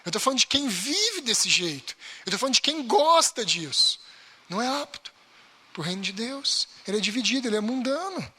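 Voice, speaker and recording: A man from Brazil, preaching a lively baptism class sermon and acting out everyday complaints. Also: extremely high pitch, fairly quick, slightly rough. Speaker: pastor.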